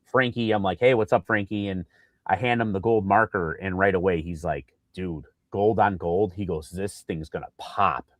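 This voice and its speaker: A man co-hosting a casual sports podcast, telling an animated story with lots of fillers and acted-out quotes. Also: deep voice, normal speed, dry recording. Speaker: podcast co-host.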